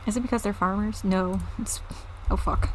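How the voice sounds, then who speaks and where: A woman's voice: mid-range voice, fairly even intonation, a little fast, a little mellow, low-quality recording. Casting: woman streamer, casual and profane, reads game lines aloud, mid-range voice, light hiss behind. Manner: swears casually, comments on her own voices. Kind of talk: reading game dialogue aloud while playing.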